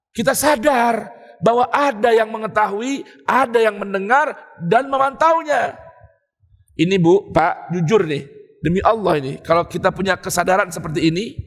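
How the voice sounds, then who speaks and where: A man preaching a lively morning sermon, talking straight to his congregation in a casual, animated way. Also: high voice. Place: mosque. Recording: long hall reverb in a mosque.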